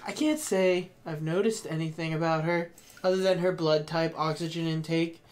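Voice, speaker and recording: A man voicing a poised, smug high-school girl during a let's play. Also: steady tone, normal speed, close to an everyday voice.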